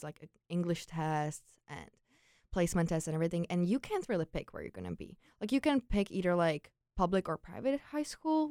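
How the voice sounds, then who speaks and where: A former exchange student from Prague, this young Czech woman has a fairly low, darkish, clean voice captured in clean studio sound with no room tone. Speaking with a Czech accent as an interview guest, she tells personal stories informally, sprinkling in "like" and quoted thoughts.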